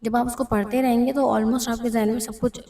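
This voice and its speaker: A woman's voice: fairly high pitch, little pitch movement, fairly quick, dark tone. Patient Urdu-accented woman teacher, distant and roomy. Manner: patient, repeats key points, mixes English terms into her talk. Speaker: English teacher. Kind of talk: explaining a lesson over slides.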